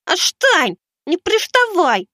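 A man voicing a hot-tempered young schoolgirl with a lisp who shouts insults. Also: very high-pitched, wildly swooping pitch, takes it slowly, dry recording, clean studio sound, pitched above the performer's own voice, full character voice. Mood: sulky. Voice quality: lisping.

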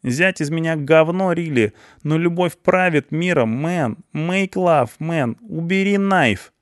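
A man reading an audiobook, voicing a young punk who talks in street slang and pleads excitedly. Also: a little high, slow, no room sound, clean studio sound, pitched above the performer's own voice. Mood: pleading excited.

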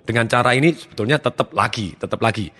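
A man giving a motivational seminar talk, energetic and acting out his students' lines. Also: mid-range voice, fast, long reverb tail. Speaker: motivational trainer.

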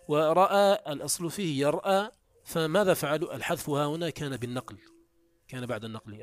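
A man teaching Arabic morphology, reading passages from a classical text aloud and explaining them step by step. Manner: pitch jumps up when introducing quotes. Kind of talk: classical text commentary lesson.

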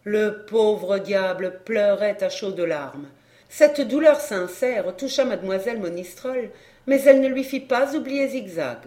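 A woman's voice: medium pitch, animated, mellow. Woman narrating a detective novel. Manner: measured storytelling. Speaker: audiobook reader.

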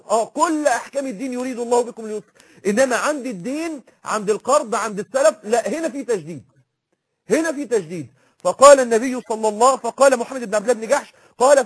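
Fast, high-voiced Egyptian preacher. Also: male voice, slightly rough. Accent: Egyptian Arabic. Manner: impassioned, repeats phrases for emphasis. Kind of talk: religious lecture.

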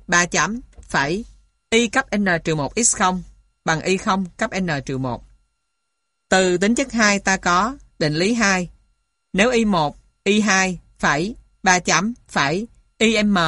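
Slow, methodical woman reading a lesson aloud. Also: lowish voice, fairly bright tone, dry recording, studio quality. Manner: methodical, spells out symbols and punctuation. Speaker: lecturer reading a maths textbook aloud. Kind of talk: scripted lesson narration, read aloud.

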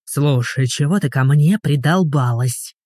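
Narrator doing a grumpy rich city guy, snarling and growling, darkish lowered voice. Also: unhurried, a little mellow, no room sound, studio quality. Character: rude irritable rich city man. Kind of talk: audiobook character voice.

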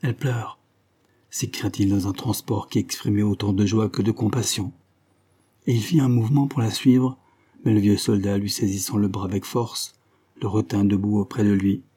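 A man narrating a nineteenth-century love story in a steady, even-toned reading. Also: lowish voice, moderate pace, slightly rough. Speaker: audiobook narrator. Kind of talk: scripted literary narration.

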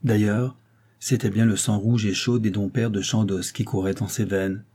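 Husky low male audiobook narrator. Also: flat delivery, normal speed, mellow. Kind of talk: scripted novel narration.

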